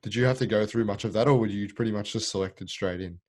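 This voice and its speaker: An Australian man hosting a podcast, asking loose, rambling questions in a relaxed casual chat. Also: fairly low pitch, quick pace. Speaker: podcast host.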